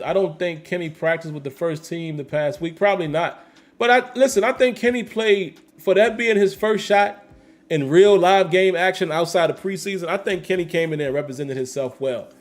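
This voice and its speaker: A man hosting a casual livestream, reading chat comments aloud and answering them emphatically with slangy repetition. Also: a little high. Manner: emphatic, repeats phrases, slangy. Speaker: host reading live chat.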